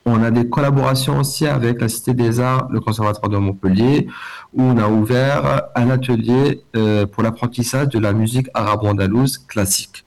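A man's voice: medium pitch, fairly even intonation, moderate pace, creaky, darkish tone. A middle-aged man from Algeria, a festival director speaking as a guest in a radio interview, talking with many fillers and restarts.

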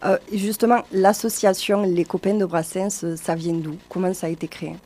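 A woman hosting a radio interview, asking friendly, somewhat halting questions. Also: on the low side, fairly even intonation, warm tone. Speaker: radio host.

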